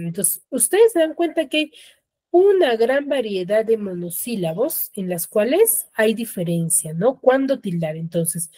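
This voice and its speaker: A woman's voice: medium pitch, darkish tone, no room sound, studio quality. A woman teacher giving an online grammar lesson, explaining step by step and often checking that students follow. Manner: explanatory, checks understanding with frequent tags. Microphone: video call.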